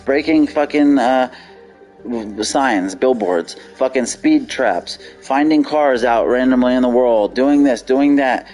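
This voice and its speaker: A man's voice: mid-range voice, slow pace, a little mellow, soft background music. Profane ranting male game streamer. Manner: heated, profane, repetitive ranting. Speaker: gaming streamer. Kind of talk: live-stream rant.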